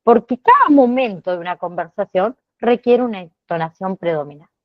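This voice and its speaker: A woman's voice: medium pitch, animated, moderate pace, no echo. A woman teaching an online class. She checks in with her students with a constant "¿sí?", stops to apologize and corrects herself as she goes, and. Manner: checks in with frequent "¿sí?" tags. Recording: slightly dull, dry online-class audio.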